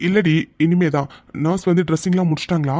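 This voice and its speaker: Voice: mid-range voice, fairly even intonation, fast, a little mellow, no room sound, natural voice. A performer voicing a devoted young husband in a cartoon love story, coaxing and emotional, at times crying. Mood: gentle coaxing. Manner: coaxing, then breaking into tears. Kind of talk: cartoon voice acting.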